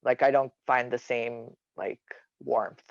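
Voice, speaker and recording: A man who performs in drag, a podcast guest in casual chat, animated and self-mocking. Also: mid-range voice, takes it slowly, creaky, no room sound. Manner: animated, self-mocking, laughs between thoughts. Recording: dull, dry lo-fi recording.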